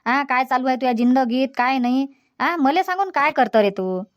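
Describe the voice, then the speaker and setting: Chandrakala, a high scolding village mother voiced by a woman. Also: a little fast, lightly acted. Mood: sarcastic. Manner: scolding, repetitive, dismissive. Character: scolding elderly village mother, bitter and stubborn. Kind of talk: cartoon comedy dialogue.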